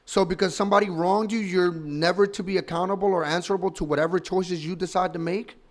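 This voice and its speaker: Man, thirties, from the Dominican Republic, slightly high voice, emphatic, argumentative, opinionated commentator, rhetorical questions. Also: steady tone, fast. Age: 30s. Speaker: political commentator.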